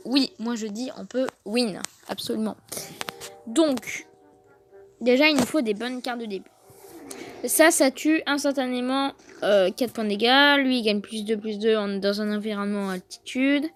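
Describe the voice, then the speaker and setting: A woman giving casual gameplay commentary, excitable and fretful, thinking aloud to her viewers. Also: a little high. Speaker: gaming video host. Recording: noticeable background noise.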